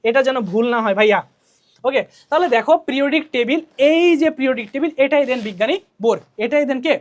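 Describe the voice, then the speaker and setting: Woman tutor, quick and higher-pitched, chatty drilling style. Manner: drills key answers by asking and repeating them; colloquial, chatty. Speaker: teacher. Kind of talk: exam revision lesson.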